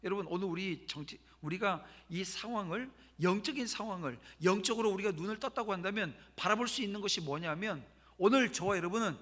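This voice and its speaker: A high, bright male voice with a lively, swooping pitch delivers an emphatic sermon, throwing rhetorical questions at the congregation. The sound carries the long reverb of a church sanctuary. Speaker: pastor.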